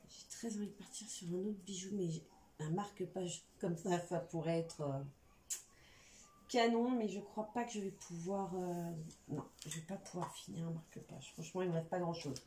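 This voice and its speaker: A woman's voice: fairly low pitch, normal speed, mellow. A woman with a slight lisp on her s sounds, chatting informally through a hands-on craft tutorial as its host. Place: indoor room at a craft table. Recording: echoey room, faint background noise.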